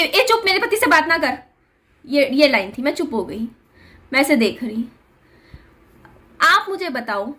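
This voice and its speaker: A young woman vlogger telling a personal story in an earnest, confiding way, often repeating herself. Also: high-pitched.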